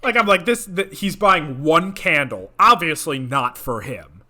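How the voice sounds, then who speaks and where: A young man co-hosting a podcast, telling a story in casual chat, animated and swearing often. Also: fairly high pitch, a little slow. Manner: animated, swears a lot, acts out quoted voices. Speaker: podcast co-host.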